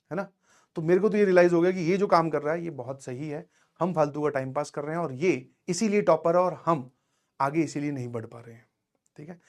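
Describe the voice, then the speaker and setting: A man teaching and motivating students in a casual storytelling way, often checking in with his listeners and mixing in English words. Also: a little high. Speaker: coaching teacher.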